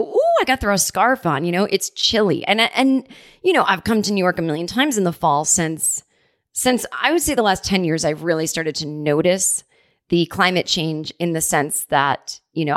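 A woman's voice: on the low side, dry recording, clean studio sound. A woman hosting a podcast from home, chatting casually and rambling with frequent laughs. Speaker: podcast host. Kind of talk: casual chat.

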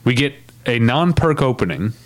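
A podcast co-host chats casually, rambling with lots of fillers and restarts. His voice is medium-pitched and sing-song at a normal speed, recorded with no room sound.

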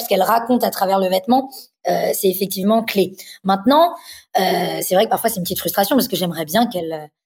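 A woman in her thirties from France, a designer speaking as a guest in a relaxed interview, passionate and pausing often on fillers. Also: mid-range voice, husky. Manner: passionate, hesitant with frequent fillers. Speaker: guest, wedding dress designer. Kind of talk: casual interview chat.

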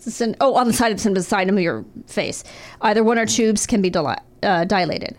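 Her pitch sits in the middle and she speaks a little fast as she reads medical notes aloud after throat surgery. The casual reading is peppered with her wry, profane, deadpan remarks as a sardonic co-host.

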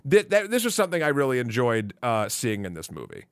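A man's voice: medium pitch, huge pitch swings, brisk, clean tone, dry recording, studio quality. A man co-hosting a podcast, chiming in with short agreements and offhand opinions in casual film chat. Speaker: podcast co-host.

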